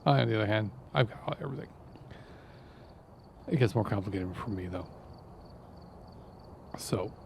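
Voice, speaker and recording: A man's voice: fairly low pitch, slight background noise. A man with a Canadian accent, a native French speaker, hosting a game live stream and talking at length to his viewers. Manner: rambling, explains at length to the viewers. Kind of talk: casual live-stream commentary.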